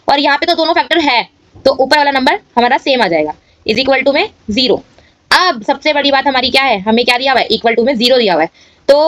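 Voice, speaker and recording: A woman's voice: sits high, fairly bright tone, no echo. A woman teaching a maths lesson and explaining each step aloud, often checking in with her students.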